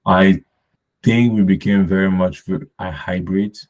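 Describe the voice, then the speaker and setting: A man's voice: sits low, fairly even intonation, measured pace, darkish tone. A man from Cameroon, a podcast guest, talking casually and rambling with many fillers and restarts. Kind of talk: casual conversation.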